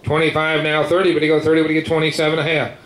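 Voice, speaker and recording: Male auctioneer, slightly high-pitched, rolling repetitive bid chant; echoey, noisy room. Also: monotone, racing, fairly bright tone. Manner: repetitive patter with filler words between numbers. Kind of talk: rapid rhythmic auctioneer chant calling bids. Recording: echoey room with clear background noise.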